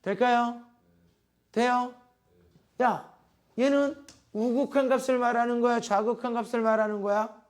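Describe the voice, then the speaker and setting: Guy teaching math to a class, really high voice, keeps going "got it?". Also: fairly even intonation. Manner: asks the class constant check questions, drawn-out emphasis on key terms.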